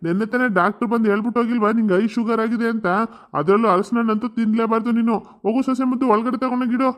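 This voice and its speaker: A man's voice: very high-pitched, steady tone, very fast, fairly bright tone. A man doing a chatty old cartoon landowner. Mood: fond teasing. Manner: fond, chatty and teasing. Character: doting old village landlord father-in-law. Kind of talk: cartoon comedy voice acting.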